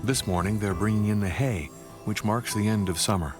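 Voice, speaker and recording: A man with a deep voice narrates a nature documentary. His delivery is scripted storytelling, with music playing clearly underneath. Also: brisk. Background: background music.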